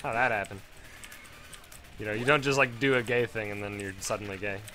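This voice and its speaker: A man's voice: on the low side, fairly quick, bright, forceful tone, slight background noise. A man doing casual, crude gameplay commentary, rambling between topics, his voice strained and failing.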